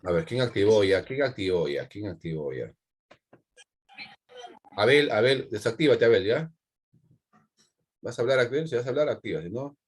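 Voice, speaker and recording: A man with a Peruvian accent teaching an online class, repeating key points and checking in with quick tags. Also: lowish voice, slightly rough. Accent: Peruvian Spanish. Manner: repetitive, with frequent check-in tags.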